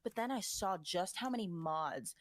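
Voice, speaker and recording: A young woman guest on a casual voice chat, bubbly and quick, with casual swearing while she tells stories from work. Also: medium pitch, expressive, slight background noise. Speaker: guest streamer.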